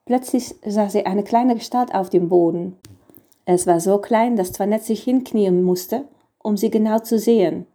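Mellow woman reading a storybook. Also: medium pitch, a little slow. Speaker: narrator. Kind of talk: scripted storybook narration.

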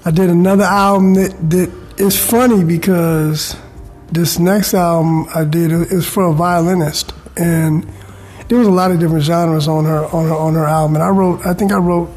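A man's voice: fairly high pitch, fairly even intonation, normal speed, darkish tone. A middle-aged man from California talking casually and informally as an interview guest. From California, United States. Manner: conversational, informal, often says "you know" and "man". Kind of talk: casual chat. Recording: faint background noise.

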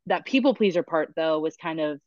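A woman's voice: low voice, animated, fairly quick, dark tone, no echo. A woman podcast host asking questions in a casual interview, hedging her words with lots of fillers. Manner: searching, hedging phrasing with many fillers. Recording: dull, dry lo-fi audio.

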